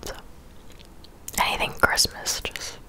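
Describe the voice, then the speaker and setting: A woman in her twenties, an ASMR creator, answers her viewers in a soft, breathy whisper. She chats casually and slowly, never rushing.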